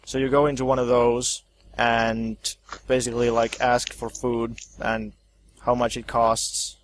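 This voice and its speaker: A man's voice: mid-range voice, little pitch movement, unhurried, slight background noise. Hesitant male game master. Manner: hesitant, full of ums and likes. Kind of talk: casual tabletop narration.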